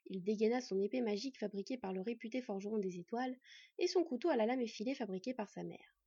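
A woman reads a fantasy story aloud in an even, measured narrating voice. Her voice is a bit high and breathy, recorded dry with a slightly dull, lo-fi sound. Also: no room sound. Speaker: audiobook narrator.

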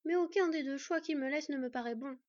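A woman reading a storybook, voicing a sad, tearful young fox girl in a higher voice. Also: brisk, close to an everyday voice. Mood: downcast. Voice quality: soft, sniffling. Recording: dull lo-fi dry recording.

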